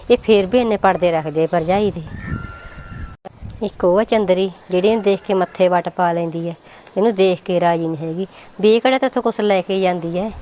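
A woman's voice: on the low side, darkish tone, a little hiss or hum, close to an everyday voice. A woman playing a kindly, nosy village aunt. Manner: probing, sympathetic. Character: caring village aunt, gossipy and kind. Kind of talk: amateur short-film acting.

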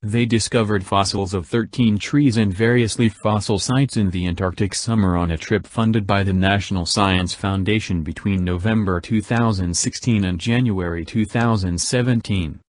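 A man's voice: lowish voice, fairly even intonation, moderate pace, few pauses, no room sound. A man reading a scripted science news report formally, in the manner of a nature documentary narration. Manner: reads formally from a written article.

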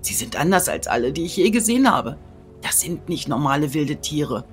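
Eine Frau liest einen abweisenden Räuberanführer vor. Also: female voice, sits low, sing-song, moderate pace. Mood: dismissive. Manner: plainly reading out game dialogue. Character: surly male bandit leader, dismissive. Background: game music.

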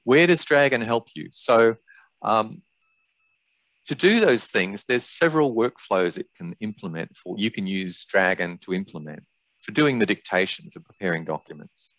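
A low-voiced older software expert presents a webinar and demonstrates a product at a moderate pace, his voice a little bright. The dull, roomy audio comes from a small indoor room on a video call.

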